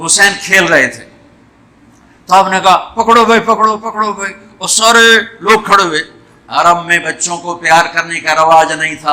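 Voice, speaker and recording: Male preacher, fervent storytelling sermon, fairly high and very forceful voice. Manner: impassioned storytelling, lamenting cries. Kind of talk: emotional sermon.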